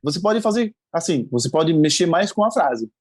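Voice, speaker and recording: A man's voice: fairly high pitch, sing-song, moderate pace, breathy edge. A male language teacher, a guest on a podcast, explaining things patiently with frequent hesitations. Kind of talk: casual interview chat.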